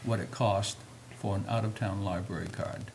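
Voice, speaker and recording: A man's voice: fairly low pitch, steady tone, moderate pace, creaky, background noise. An American man politely asking questions as an official at a public meeting.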